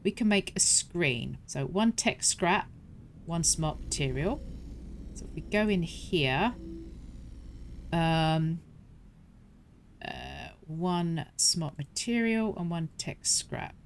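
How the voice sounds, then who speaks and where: A woman's voice: fairly low pitch, expressive, slow pace, pauses often, a little hiss or hum. A woman hosting a gaming channel, talking through a survival game step by step in a chatty, self-correcting way. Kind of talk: game walkthrough commentary.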